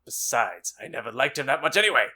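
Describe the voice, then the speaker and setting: A man's voice: mid-range voice, big pitch swings, fast, sharp tone, slightly rough, voice pushed up, heavily acted. A man voicing a mean old wizard headmaster, curt and contemptuous, in a comic audiobook reading. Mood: scornful. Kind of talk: comic dramatic reading of fan fiction.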